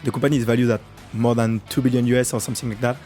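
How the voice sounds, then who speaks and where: A man hosting a business interview show, speaking at an ordinary pitch. He hesitates often and fills gaps as he introduces his guest, while a guitar plays faintly in the background. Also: fairly even intonation, racing, mellow. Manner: hesitant, full of fillers. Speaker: podcast host. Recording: faint guitar music behind.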